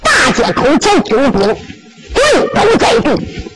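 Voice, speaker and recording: Animated Henan storyteller woman. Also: high-pitched, slow, background noise. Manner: animated, exclaiming, rhythmic. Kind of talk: traditional Henan zhuizi storytelling.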